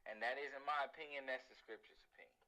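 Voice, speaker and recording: Bright-voiced man giving sincere testimony. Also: mid-range voice, fairly even intonation, fast talker, rough recording. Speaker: panelist. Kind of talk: religious panel discussion.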